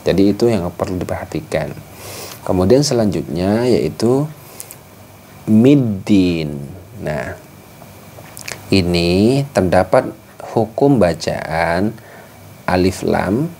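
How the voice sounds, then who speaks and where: A man teaching Quran recitation rules in a patient, explanatory way, breaking into slow chanted examples. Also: sits low, expressive, warm tone, slight background noise. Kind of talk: tajwid lesson with recited examples.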